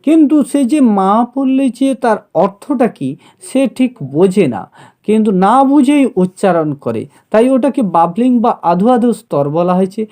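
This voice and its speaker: A man giving an exam-prep lecture, explaining slowly with many fillers and pauses. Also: sits high, big pitch swings, dark tone. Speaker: teacher.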